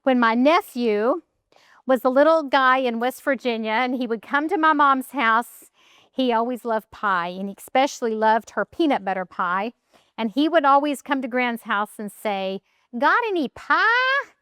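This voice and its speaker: A woman's voice: fairly high pitch, normal speed, a bit bright, clean tone, dry recording, studio quality. A woman hosting a home cooking demonstration, chatting and thinking aloud as she decorates a cake in her kitchen. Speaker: cooking show host.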